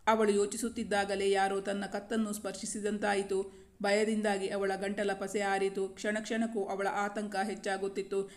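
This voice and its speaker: Woman narrator for romance audiobook, steady read, very flat pitch. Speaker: storyteller. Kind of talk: scripted story narration.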